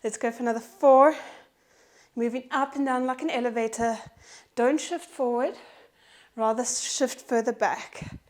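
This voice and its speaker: A woman's voice: a little high, fairly even intonation, measured pace, darkish tone. A woman leading a Pilates strength workout, out of breath as she cues each move, counts reps and encourages. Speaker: Pilates instructor. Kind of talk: guided workout instruction.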